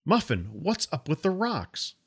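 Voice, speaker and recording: A man's voice: fairly high pitch, wildly swooping pitch, measured pace, slightly rough, pitched above the performer's own voice, full character voice. A man doing a flustered nervous young man.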